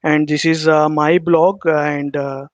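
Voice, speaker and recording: A man in his thirties with an Indian accent gives a halting, repetitive online presentation over a video call. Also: a little high, little pitch movement, no room sound. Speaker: guest presenter, solution architect. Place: indoor room, on a video call. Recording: dull, close-sounding video call audio.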